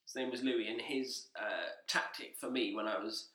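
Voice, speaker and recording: A man's voice: medium pitch, fairly even intonation, normal speed, bright, forceful tone, reverberant. A young man co-hosting a podcast, telling rambling anecdotes in casual chat with fillers and laughs. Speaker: podcast co-host.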